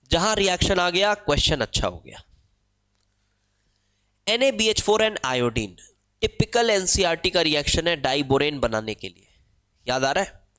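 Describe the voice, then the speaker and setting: A man's voice: a little high, sharp tone. An Indian man teaching an exam-prep chemistry lesson, explaining step by step and asking and answering his own questions. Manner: switches between Hindi and English phrases. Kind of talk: exam-prep problem-solving lecture.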